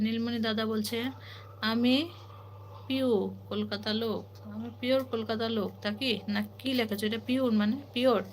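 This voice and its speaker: A woman's voice: fairly high pitch, a bit bright, a little hiss or hum. A woman from Assam hosting a live stream, reading viewer comments aloud in a chatty, playful way with teasing sing-song asides. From Assam, India. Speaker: livestream host.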